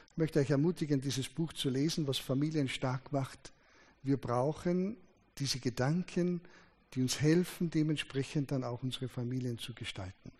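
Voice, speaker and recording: Preacher in a reverberant hall. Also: male voice, fairly high pitch. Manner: emphatic, rising and dropping sharply for stress. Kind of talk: sermon.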